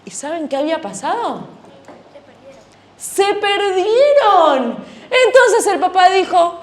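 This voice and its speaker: Animated children's teacher. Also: female voice, very high voice, takes it slowly, slight background noise. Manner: animated, questioning the kids. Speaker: children's Sunday school teacher. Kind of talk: storytelling to children.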